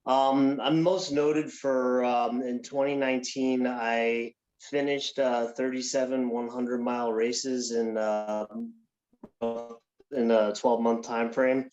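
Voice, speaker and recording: A man in his thirties answers panel questions over a video call, filling gaps with um and uh. His voice is monotone and mid-pitched. The call audio is muffled and lo-fi. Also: slow pace, soft background music. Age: 30s. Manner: hesitant, lots of fillers. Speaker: panel guest, athlete.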